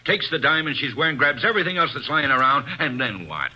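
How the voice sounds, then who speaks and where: An actor playing a gruff, accusing male police inspector in old-time radio acting, husky and blunt. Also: mid-range voice, very animated, fast, highs cut off. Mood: needling. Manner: blunt, needling, lays out his case.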